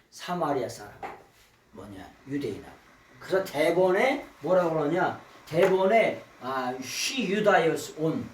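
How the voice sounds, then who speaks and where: Lively guy pastor preaching, voice on the higher side, jumps around in pitch, sounds far off in a roomy church. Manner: animated, acts out dialogue, keeps asking "예?". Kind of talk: Bible study sermon. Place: church sanctuary. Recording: echoey room, mic from far, faint noise.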